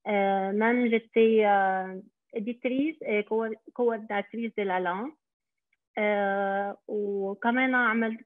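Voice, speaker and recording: On a webinar, a middle-aged daycare director from Lebanon hesitantly shares her personal testimony in Arabic-accented speech, with lots of fillers. Her voice is medium-pitched, and her video call audio, free of echo, comes across tinny like a phone.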